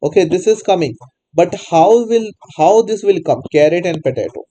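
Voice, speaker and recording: Male instructor, slightly high voice, mellow tone, coaxing answers from a class. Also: expressive, normal speed, a little hiss or hum, low-quality recording. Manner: prompts students repeatedly, non-native English phrasing. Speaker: programming teacher. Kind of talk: live online class, questioning students.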